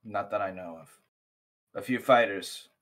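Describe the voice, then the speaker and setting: Low-voiced man role-playing at a game. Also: unhurried, a bit bright. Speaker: player in a tabletop game. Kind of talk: casual in-character role-play.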